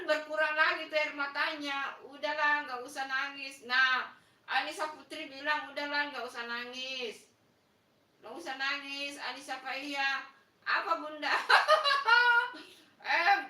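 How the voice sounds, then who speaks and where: Woman live-stream host with a Makassar lilt, teasing and coaxing, high voice, roomy echo. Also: pushed and bright. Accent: Makassar Indonesian. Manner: playful, coaxing viewers to like and subscribe; teasing mock-sympathy. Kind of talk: casual live stream chat reading viewer comments. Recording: echoey room, voice a bit far from the mic.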